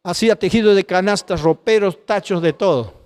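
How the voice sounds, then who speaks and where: Impassioned high-voiced preacher in a hall. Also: male voice, a little fast, a little mellow. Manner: impassioned, pleading, addresses listeners as brother. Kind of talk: testimony sermon.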